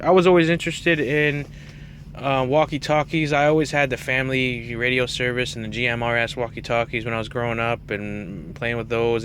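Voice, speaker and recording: With a mid-range, fairly bright voice and a little background noise, this man presents his CB radio setup as a truck driver and hobbyist. His talk is relaxed, wandering and self-deprecating, like an off-the-cuff vlog.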